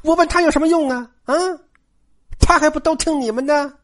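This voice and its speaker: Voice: mid-range voice, big pitch swings, normal speed, voice pushed up. A storyteller voicing an indignant middle-aged servant woman who complains sarcastically. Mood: sneering. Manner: whining, sarcastic.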